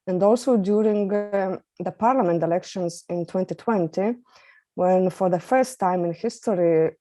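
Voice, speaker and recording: A woman speaks in a fairly low, mellow voice, earnest and formal as she presents to a webinar. The sound is dry and close, like a video call. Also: normal speed, no room sound. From Lithuania. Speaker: journalist, invited speaker.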